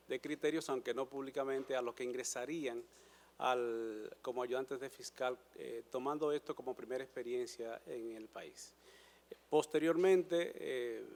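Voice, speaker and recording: A lawyer in his sixties with a Dominican accent, giving a formal presentation to a panel in a measured way, pausing often with fillers. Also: mid-range voice. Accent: Dominican Spanish. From Dominican Republic. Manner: measured, hesitant with frequent fillers and restarts. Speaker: lawyer applying before a judicial council. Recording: hall reverb.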